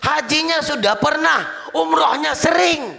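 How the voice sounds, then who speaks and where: A preacher voicing an aging wife who pleads with God, whiny and insistent, in a comic sermon role-play. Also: female voice, high voice, lively intonation, fairly quick, gravelly, sharp tone, voice pushed up, full character voice. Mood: pleading. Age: older. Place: mosque. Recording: long hall reverb.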